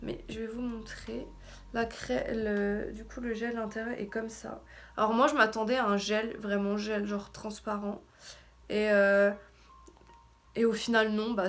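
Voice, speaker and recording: A woman with a French accent, also on English words, giving an informal, slangy, self-deprecating beauty haul chat. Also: medium pitch. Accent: French, heard also in her English. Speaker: beauty vlogger. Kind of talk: casual haul video chat. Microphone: camera in front of her with ring light.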